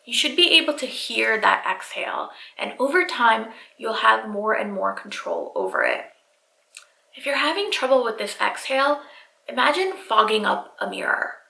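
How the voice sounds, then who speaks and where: A woman's voice: on the high side, sing-song, moderate pace, gravelly, sharp tone, roomy sound, rough recording. A woman yoga instructor giving step-by-step guided breathing cues straight to the viewer. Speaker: yoga instructor, channel host.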